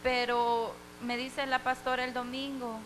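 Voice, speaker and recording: Woman, church testimony, bright high voice, faint hum behind her. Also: level tone, a little slow. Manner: heartfelt storytelling, acting out the dialogue. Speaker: church member giving testimony.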